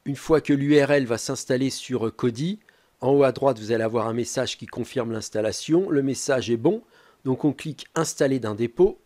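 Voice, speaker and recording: Speaking calmly in a mid-range voice, a man presents a tech tutorial step by step, his delivery dotted with frequent hesitant filler pauses.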